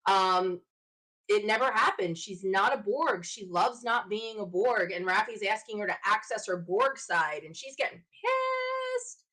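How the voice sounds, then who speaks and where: A woman's voice: medium pitch, fairly bright tone, poor audio. A woman hosting her own show, talking casually on her own and thinking aloud as she speculates in a chatty way. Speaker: show host. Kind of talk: casual solo fan commentary.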